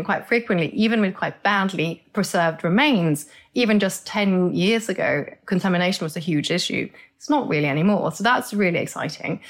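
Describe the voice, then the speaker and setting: A middle-aged Norwegian woman with a medium-pitched voice appears as an expert guest in a conversational interview. She explains things with lively enthusiasm, often repeating words.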